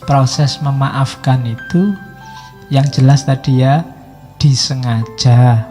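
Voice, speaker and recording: A man's voice: mid-range voice, steady tone, slow pace, warm tone, in a large hall, soft background music. A man giving a casual philosophy lecture at a mosque study session, acting out quarrels in quoted voices. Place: mosque hall.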